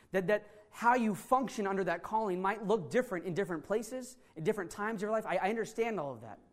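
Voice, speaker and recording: A man preaching a sermon as pastor of a church, earnest and emotional, building to passionate outbursts. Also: sits high. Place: church room.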